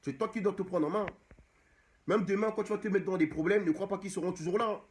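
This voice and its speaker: High-voiced man exhorting his audience. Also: quick pace, a little mellow. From Cameroon. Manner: exhorting, repetitive, hammering the same phrases. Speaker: diaspora activist. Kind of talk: impassioned direct-to-camera monologue.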